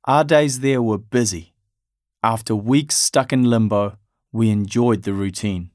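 A man from Afghanistan narrating his family's story in a measured, reflective way. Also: lowish voice, darkish tone, dry recording, studio quality.

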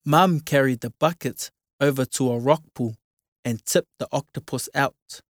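A narrator reading a children's storybook aloud in a slow, expressive way. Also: medium pitch, no echo, clean studio sound.

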